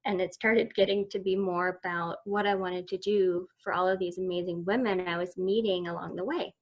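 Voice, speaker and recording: This is an interview guest, a summit founder: a woman in her 40s from Eastern Canada whose lowish voice holds a steady tone at normal speed. She rambles casually through her story with frequent restarts and lots of "so"s, and the recording has its highs cut off.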